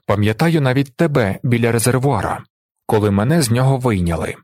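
A man's voice: medium pitch, animated, brisk, darkish tone, dry recording, studio quality, natural voice. A man voicing a fierce, loyal male swordsman who speaks in clipped phrases with held-back fury. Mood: curt.

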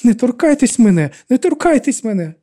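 A woman's voice: fairly low pitch, steady tone, brisk, dark tone, no room sound, clean studio sound, voice pushed up, natural voice. A man voicing a terrified young woman who pleads and screams to get away, in an audiobook reading. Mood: frightened pleading.

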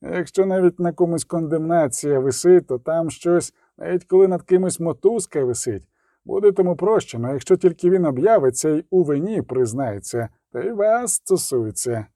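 A man voicing a calm, well-informed middle-aged merchant in an audiobook, explaining in a measured way. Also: on the high side, no room sound, clean studio sound.

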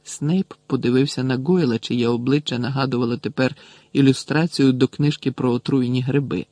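A man narrates a novel in a steady, expressive storytelling voice of ordinary, middle pitch. The recording is close and dry, with no room sound at all. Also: moderate pace, no room sound. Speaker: audiobook narrator.

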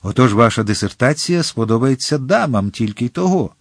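A man's voice: mid-range voice, expressive, brisk, no room sound, studio quality. A man doing a stern, lecturing Jesuit priest. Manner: lecturing, insistent.

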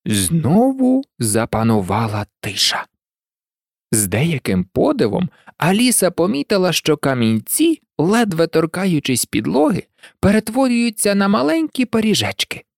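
Low, animated woman narrator. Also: unhurried, creaky, no echo, clean studio sound. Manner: expressive, animated reading. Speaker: audiobook narrator. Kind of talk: storybook narration.

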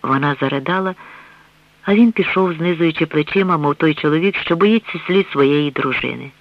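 A man reading a novel aloud in even, measured narration. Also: a little high, dry recording. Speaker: audiobook reader. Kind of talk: scripted narration. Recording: dull dry radio recording.

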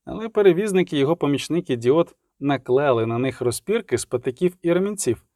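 A man reading a novel aloud in steady scripted narration, with a wry touch. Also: fairly high pitch, fast talker, no echo, studio quality. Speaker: audiobook narrator.

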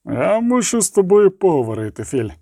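Guy doing a cool sly spy guy, calm and wry, warm low tone. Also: fairly quick, creaky, dry recording, studio quality, full character voice. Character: sly male spymaster, cool and ironic.

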